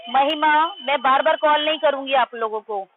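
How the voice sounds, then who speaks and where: Woman teacher, high voice, firm and quizzing, sounds like a phone line. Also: normal speed, a little hiss or hum. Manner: firm, correcting pupils' pronunciation. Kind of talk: online math class.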